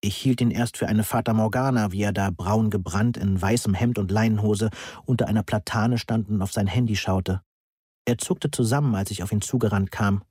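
Guy narrating an audiobook, kinda husky and mellow, super dry sound. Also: fairly low pitch, moderate pace, no room sound. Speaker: audiobook reader.

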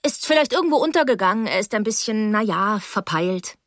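A woman's voice: mid-range voice, lively intonation, a little fast, dry recording, studio quality, natural voice. A woman reading the lines of an awkward, eager seventeen-year-old schoolgirl. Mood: eager flustered.

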